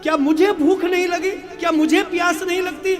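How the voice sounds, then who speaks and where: A man's voice: steady tone, unhurried. A man putting on a furious poor mother. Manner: shrill, scolding outbursts. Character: poor hungry mother, desperate then furious. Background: instrumental music.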